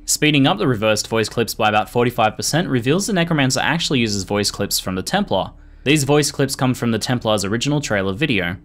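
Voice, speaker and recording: A man reading scripted video narration in a measured, informative manner. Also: mid-range voice, animated, a bit bright, a little hiss or hum. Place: voice-over recording. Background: music.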